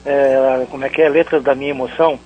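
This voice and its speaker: A man calling a radio show over the phone, talking quickly with lots of fillers. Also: mid-range voice, steady tone, faint music behind. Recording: muffled phone line.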